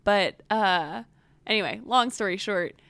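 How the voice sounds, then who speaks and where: A young woman co-hosting a podcast, telling stories in lively casual chat. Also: mid-range voice, a little slow, no room sound. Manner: animated storyteller, breaks into loud chants. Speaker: podcast co-host.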